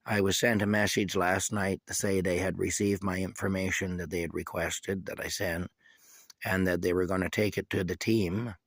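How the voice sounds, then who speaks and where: A sick man with a cough, giving a casual, rambling video update from inside his camper, halting and restarting often. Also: sits low, level tone, dry recording. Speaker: vlogger giving a personal update.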